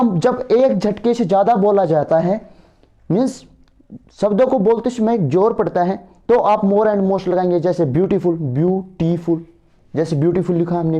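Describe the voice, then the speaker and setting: Male grammar tutor, dark mellow voice, keeps asking "right?". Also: sits high, muffled recording. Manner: asks students for agreement, repeats words. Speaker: teacher. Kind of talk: exam grammar lecture.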